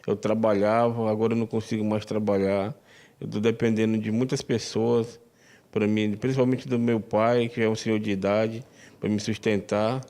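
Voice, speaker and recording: A man's voice: fairly low pitch, level tone, normal speed, a little mellow. A man with an Amazonas Brazilian accent telling his story plainly and wearily in a news interview. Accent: Amazonas Brazilian Portuguese.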